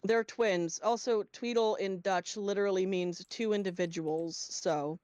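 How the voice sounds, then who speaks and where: A woman's voice: medium pitch, steady tone, a little slow, a little mellow, dry recording, muffled recording. A woman acting as game master, narrating a tabletop game casually, with informal, sweary asides.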